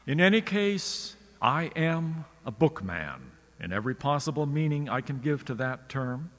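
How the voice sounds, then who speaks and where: A writer delivers a scripted radio lecture with a dry, wry turn of phrase. His pitch rises and falls in a lively, animated way as he tells his stories. A long reverb trails behind his voice. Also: a little slow. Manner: wry, literary storytelling delivery. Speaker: writer giving a radio talk.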